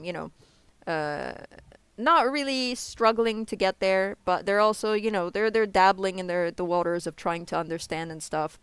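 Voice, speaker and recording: A man's voice: high-pitched, a bit bright, smooth, dry recording. A man in a street debate about faith, patiently explaining and often checking "you understand?". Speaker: religious debater.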